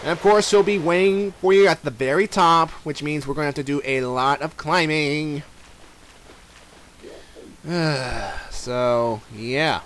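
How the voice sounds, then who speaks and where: High-voiced young man rambling over gameplay. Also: slow, fairly bright tone, slight background noise. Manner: rambling, many fillers and restarts, talks to the villain directly. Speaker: let's play commentator. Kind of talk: casual game commentary.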